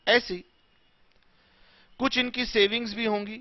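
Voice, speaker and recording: A man teaching tax law in a classroom lecture, mixing Hindi and English in a slow, emphatic way. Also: high voice, flat delivery, dry recording, muffled recording.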